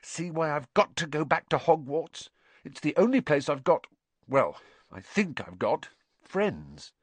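A man voicing an earnest, curious teenage boy wizard who asks hushed, urgent questions. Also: a little high, very animated, unhurried, breathy edge, no echo, voice pushed up, heavily acted.

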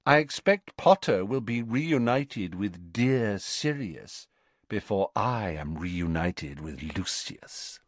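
A man voicing a cold, haughty aristocratic mother who speaks with quiet menace. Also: on the low side, animated, takes it slowly, dry recording.

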